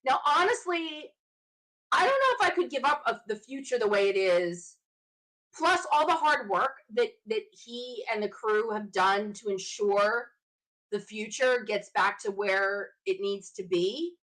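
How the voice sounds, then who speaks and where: A woman's voice: mid-range voice, expressive, a little slow, fairly bright tone, rough recording. A woman hosting her own show, talking casually on her own and thinking aloud as she speculates in a chatty way. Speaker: show host. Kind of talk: casual solo fan commentary.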